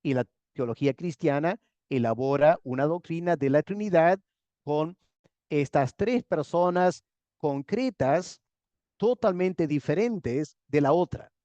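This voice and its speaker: A pastor giving a structured theology lecture, a man who talks in measured steps, repeats key words and checks in with his listeners. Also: on the high side, mellow, no echo, lo-fi sound. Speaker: pastor lecturing a master class.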